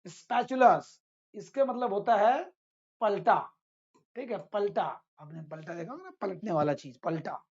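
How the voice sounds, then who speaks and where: A man's voice: high-pitched, expressive, unhurried, darkish tone, slightly rough, dull audio. A man teaching English vocabulary in a casual lesson, repeating each word and its meaning and addressing his students as friends.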